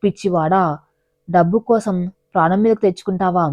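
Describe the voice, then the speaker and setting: A woman's voice: on the low side, moderate pace, darkish tone, dry recording, dull audio, close to an everyday voice. A woman voicing a desperate, tearful young wife who pleads and cries out, in a storybook reading. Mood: anguished.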